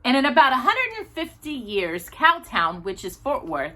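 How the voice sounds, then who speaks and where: Reading a nonfiction kids' book as a storytime host, this Texan woman from the United States keeps breaking off for casual, chatty remarks and trips over longer words. Her pitch is a little high and swoops wildly. She goes at a moderate pace with a bright, forceful tone.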